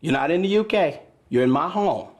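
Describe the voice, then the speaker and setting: A man's voice: fairly high pitch, animated, fairly quick. Firm, insistent American man. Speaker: host parent on a reality show. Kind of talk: unscripted reality TV talk.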